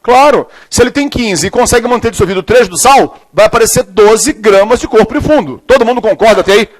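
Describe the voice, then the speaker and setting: Fast-talking high-voiced Brazilian teacher. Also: male voice. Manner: joking storyteller, then quizzing the class. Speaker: chemistry teacher. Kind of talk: classroom lecture with jokes. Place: classroom.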